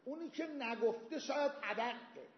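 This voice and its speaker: A man with a high voice gives a seminary lecture, walking through legal reasoning with everyday examples and Arabic quotations. The sound is echoey, as in a hall, with a long reverb tail. The recording is slightly dull and lo-fi. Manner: explains with everyday examples, quotes Arabic texts. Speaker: seminary teacher. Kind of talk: Islamic jurisprudence lecture.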